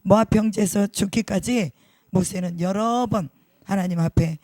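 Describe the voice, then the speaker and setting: Pastor, male, fairly high voice, dry close sound, emphatic sermon delivery with repeated words and rhetorical questions. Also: normal speed, darkish tone, no echo. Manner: repeats key words for stress.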